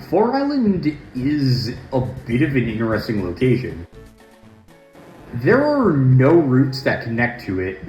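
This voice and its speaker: A man hosts a let's play at a middle pitch, chatting and joking his way through the game. His voice bounces around a large, echoey room at home. Soft game music sits low in the background. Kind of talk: casual gameplay commentary.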